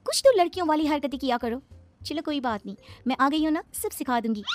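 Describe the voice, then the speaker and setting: A woman's voice: high-pitched, animated, quick pace, darkish tone, dry recording, soft background music. A woman voicing a breezy, fashionable young daughter-in-law who mixes in English words. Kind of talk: animated storybook voice acting.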